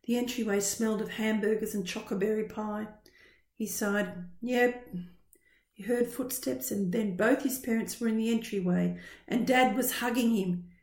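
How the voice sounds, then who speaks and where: A woman narrating a children's science-fiction story as an audiobook reading, with expressive, even storytelling. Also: medium pitch, moderate pace. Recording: roomy echo.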